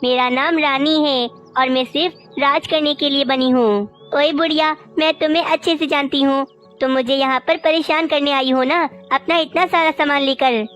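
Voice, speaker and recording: A woman's voice: sits high, steady tone, normal speed, soft background music. Woman voicing a scornful wife crow. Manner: sharp-tongued, scornful. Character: spoiled, scheming young wife crow. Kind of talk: cartoon voice acting.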